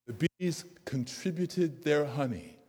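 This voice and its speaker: A male storyteller tells a folk tale in a slow, gentle voice. His pitch sits a little high for a man, and the long reverb of a large hall rings behind his words. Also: breathy edge. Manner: slow, gentle, softening to quiet.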